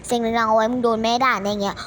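A woman giving crude, joking, fast-talking commentary on a mobile game, speaking close to a phone mic. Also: on the high side, fairly even intonation, noisy background. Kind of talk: casual gameplay commentary. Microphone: phone mic held close to the mouth. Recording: game music and sounds behind voice.

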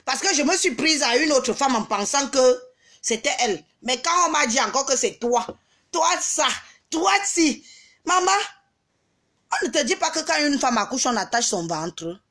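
A woman ranting on her vlog, taunting and mocking, with bursts of shouting and scornful laughter. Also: sits high, animated, moderate pace. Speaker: vlogger. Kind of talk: angry social media rant.

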